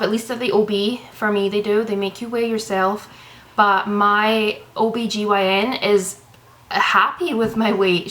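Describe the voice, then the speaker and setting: A woman's voice: medium pitch, a bit bright, poor audio. A young woman from Canada chatting to her camera, out of breath, rambling and reassuring. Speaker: vlogger. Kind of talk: casual chat to camera. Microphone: camera mic.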